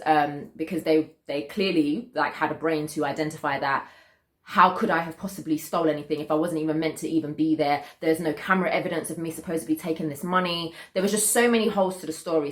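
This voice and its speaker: Casting: young British woman, low voice, casual storytime vlogger, emphatic and indignant, recorded in a roomy echo. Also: a bit bright. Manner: emphatic, indignant, repeats points for stress. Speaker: vlogger telling a personal story.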